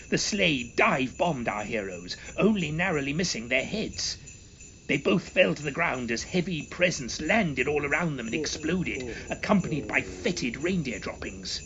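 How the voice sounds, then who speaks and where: Reading a comic horror story aloud, this male performer delivers dramatic scripted narration with pompous, theatrical mock-seriousness. His voice is medium-pitched and fairly bright, with the highs cut off and slight background noise.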